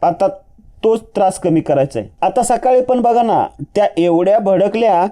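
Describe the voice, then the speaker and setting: A man voicing a gentle young daughter-in-law who speaks hesitantly and softly. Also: sits high, animated, moderate pace, voice pushed up. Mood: worried, hesitant. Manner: hesitant, soft-spoken.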